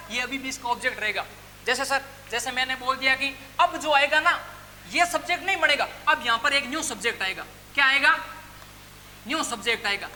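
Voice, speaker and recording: A man's voice: very high-pitched, sharp tone. A male teacher with a Rajasthani Hindi accent gives a classroom grammar lecture, asking questions and answering them himself and calling his listeners brother. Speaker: English teacher. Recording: echoey room with faint background noise.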